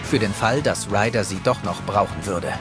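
A man's voice: lowish voice, moderate pace. A man narrating a scripted story for children. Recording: prominent music behind.

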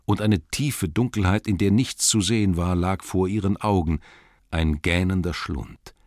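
A man with a very low voice reads a story aloud, slow and deliberate, letting tense passages rise and quiet ones sink nearly to a whisper. The sound is close and dry, without any room echo. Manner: slow, deliberate, with dramatic rises and hushed drops. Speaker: audiobook narrator. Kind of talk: scripted narration.

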